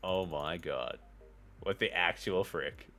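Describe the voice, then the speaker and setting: A man's voice: low voice, takes it slowly, fairly bright tone. A man streaming himself reading fan fiction aloud, often breaking off for joking, mocking asides.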